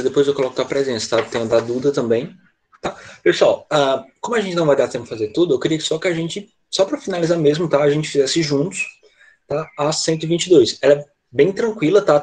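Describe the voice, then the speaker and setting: A man's voice: fairly high pitch, a little mellow, husky. A man teaching an online English lesson to children, patient and constantly checking in with short questions. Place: online class over a video call.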